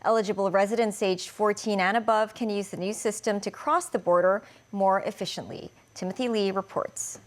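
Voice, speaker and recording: A woman news anchor reads the headlines at a middle pitch. Her delivery is formal and even. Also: normal speed, hardly any pauses, a little hiss or hum. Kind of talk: news reading.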